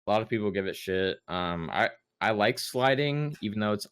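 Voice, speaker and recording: A man's voice: on the low side, animated, moderate pace, a bit bright, clean tone, dry recording, studio quality. A young man in casual chat on a gaming podcast, rambling with lots of fillers and restarts. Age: young adult. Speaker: podcast co-host.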